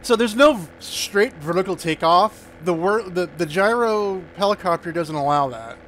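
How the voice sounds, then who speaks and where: A man chatting casually as he plays, excitable and quick to break into panicked yelps. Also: high voice, slight background noise. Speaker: gaming streamer. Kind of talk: casual gameplay commentary.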